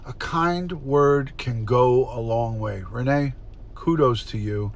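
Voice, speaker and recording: A middle-aged retired detective hosts a casual livestream, chatting and greeting viewers by name while congested, stuffed up, and sniffling. His medium-pitched voice is slow and gravelly, and the recording sounds lo-fi.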